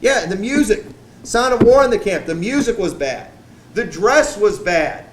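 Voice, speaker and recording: A man's voice: high voice, animated, measured pace, echoey room, slight background noise, rough recording. A man putting on a whiny, pleading voice to mock a weak male leader during a sermon. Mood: defensive.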